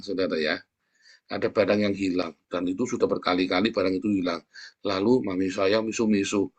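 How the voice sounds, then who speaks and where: A man preaching an informal sermon, blunt and scolding in a colloquial way. He peppers his talk with asides to the congregation. His voice leaps high when indignant and drops low and slow when he tells a story. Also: fairly bright tone.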